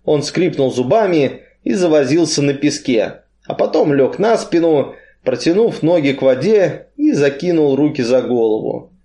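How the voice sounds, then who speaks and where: A male narrator reading a literary story aloud at a measured pace. His voice sits a little high and rises and falls with the prose. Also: lively intonation, mellow.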